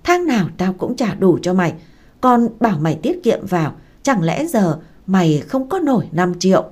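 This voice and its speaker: A woman voicing a gruff, foul-mouthed older woman who runs a restaurant, speaking in a loud scolding way. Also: fairly low pitch, lively intonation, normal speed. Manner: loud scolding, rough and blunt.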